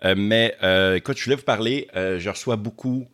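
A man's voice: on the low side, a little fast, fairly bright tone. A man from Quebec with a Québécois accent, hosting casually and stammering as he repeats words. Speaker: YouTube host. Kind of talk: casual chat.

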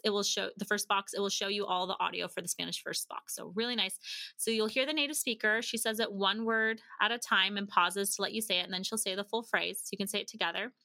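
This podcast guest, a woman who founded a language-learning company, has a mid-range voice that is gravelly, pushed and bright, with no room sound. She chats animatedly, telling stories and explaining while acting out lines of dialogue.

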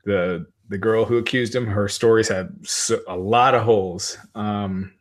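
Hesitant low-voiced man in his forties. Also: fairly even intonation, unhurried. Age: 40s. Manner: hesitant, many ums and uhs. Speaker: podcast co-host. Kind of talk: casual wrestling talk chat.

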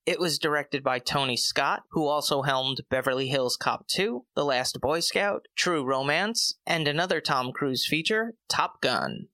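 A man's voice: a little high, measured pace, few pauses, sharp tone, no echo. A man hosting his own film review podcast, reading a script with chatty, joking asides.

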